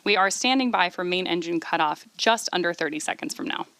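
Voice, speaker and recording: A woman giving measured, explanatory live commentary as the host of a launch webcast. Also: fairly low pitch, expressive, fairly bright tone, no echo.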